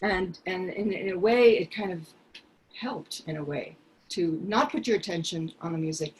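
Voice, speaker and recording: An older woman from Peru, a singer, talking earnestly and reflectively from her living room on a video call, pausing often. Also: lowish voice, darkish tone, a little hiss or hum, rough recording. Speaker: singer sharing a song. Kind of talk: casual video call chat. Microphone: headset mic on video call.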